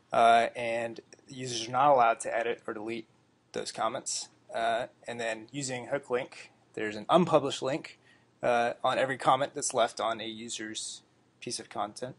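A man presents his own project at a meetup, talking loosely and filling pauses with plenty of uhs. His voice has a gravelly, fry-tinged edge. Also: mid-range voice. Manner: relaxed, lots of uh fillers. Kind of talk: casual tech demo talk. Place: meeting room.

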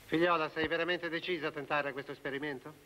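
A solemn cardinal. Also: male voice, a little high, steady tone, sharp tone, a little hiss or hum. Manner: slow, measured, dignified. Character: solemn male church dignitary, measured.

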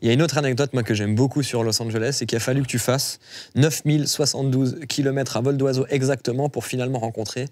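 A man's voice: medium pitch, steady tone, fast talker, a little mellow. A male journalist hosting an interview, eagerly setting up the guest's anecdotes. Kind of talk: casual interview questions.

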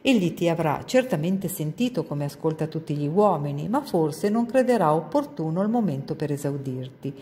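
A woman doing a gentle, soothing older lady. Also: low-pitched, expressive, moderate pace, hardly any pauses, big-room sound. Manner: soothing, patient.

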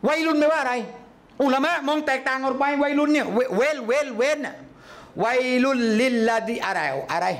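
Male religious teacher, lively lecturing style, high voice, chants phrases out loud. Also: brisk. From Thailand.

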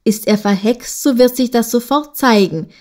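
A woman's voice: on the high side, moderate pace, darkish tone, lightly acted. Woman playing a sly scheming goose sister.

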